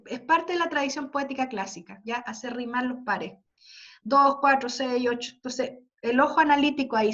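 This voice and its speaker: A woman teacher with a high voice leads an online class over dull, lo-fi video call audio. She explains patiently, point by point, and keeps checking with quick tag questions that everyone is following. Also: a bit bright. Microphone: computer mic on a video call.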